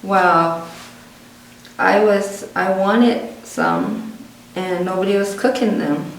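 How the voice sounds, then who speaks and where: A woman's voice: medium pitch, takes it slowly. A Pueblo woman from New Mexico telling a family story in an oral history interview, acting out the voices of her relatives. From Pueblo community, New Mexico. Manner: lively storyteller who acts out family dialogue. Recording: roomy, distant, faint background noise.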